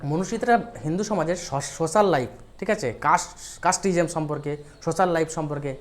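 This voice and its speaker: A woman's voice: low-pitched, fairly quick. A woman teacher with a Bengali accent giving an exam-prep history lecture, explaining step by step and often checking with questions.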